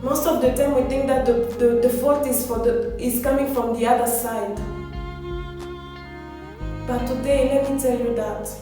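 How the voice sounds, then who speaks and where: A woman's voice: a little high, fairly even intonation, normal speed, pauses often. Echoey, distant woman giving a motivational speech. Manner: earnest, exhorting, repeats phrases for emphasis. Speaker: motivational speaker. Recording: very echoey, distant mic, music behind.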